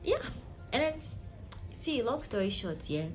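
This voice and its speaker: A woman's voice: a little high, big pitch swings, measured pace. A woman vlog host telling a personal story casually and emphatically, speaking directly to her listeners. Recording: background music behind the voice. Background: music.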